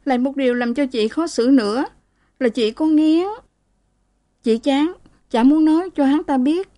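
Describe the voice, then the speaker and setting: A woman's voice: high-pitched, unhurried, dark tone, pitched above the performer's own voice. A woman voicing a young married woman who has been beaten, speaking in a raised, pleading, tearful way. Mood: aggrieved.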